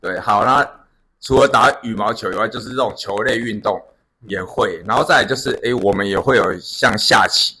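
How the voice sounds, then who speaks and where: A man's voice: on the low side, brisk, pushed and bright, husky. A man co-hosting a casual chat, telling stories with lots of fillers and restarts. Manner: storytelling, many fillers and restarts. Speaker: podcast co-host.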